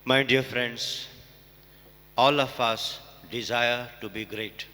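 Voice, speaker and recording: A man preaches and reads scripture as a priest at Mass. His voice is bright and projected, measured and solemn. It carries a long cathedral echo in a large church. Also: medium pitch, fairly even intonation. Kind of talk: liturgical reading and homily. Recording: cathedral echo, long reverb, mains hum.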